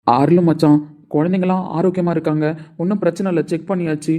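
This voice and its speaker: A grown man, as a woman puts him on speaks in a much deeper, darker voice. He is matter-of-fact and calmly reassuring. It is part of a homemade family drama. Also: fast talker, natural voice. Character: reassuring male relative, adult man.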